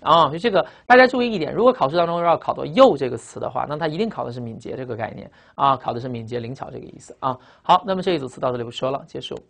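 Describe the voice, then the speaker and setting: A man teaching English vocabulary to exam students. He repeats each word and its meaning, tags lines with "ah", and keeps asking the class quick questions. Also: mid-range voice, expressive, creaky, a bit bright.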